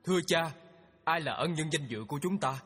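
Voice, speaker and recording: A grown son speaks in a high, bright, slightly husky voice. The audio drama sounds like it was recorded in a long-echoing hall. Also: male voice, a little fast. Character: grown sons, frightened then stern.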